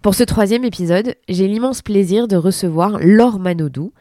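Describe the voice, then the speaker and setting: Mellow, cold-hoarsened French podcast hostess. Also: female voice, mid-range voice, moderate pace. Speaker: podcast host and interviewer. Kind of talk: introducing and hosting a sports podcast.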